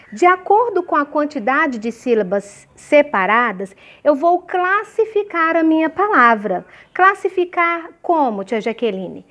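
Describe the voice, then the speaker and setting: High-voiced teacher speaking to kids. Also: female voice, a bit bright, dull audio. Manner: slow, clearly syllabified examples with frequent checking questions. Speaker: primary school teacher. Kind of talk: remote lesson for young children.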